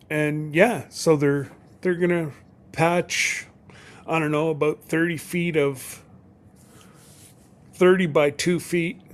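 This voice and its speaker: Slow, rambling man chatting casually. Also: fairly high pitch. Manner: rambling, restarts often, slow and folksy. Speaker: co-host. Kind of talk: casual live-stream chat.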